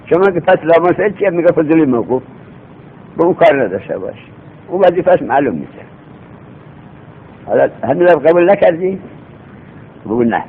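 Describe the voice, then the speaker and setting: Gravelly-voiced man teaching a grammar class. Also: sing-song, long pauses. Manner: patient, repetitive explaining with rhetorical questions. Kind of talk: seminary grammar lesson. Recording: tinny phone-like recording with faint rumble.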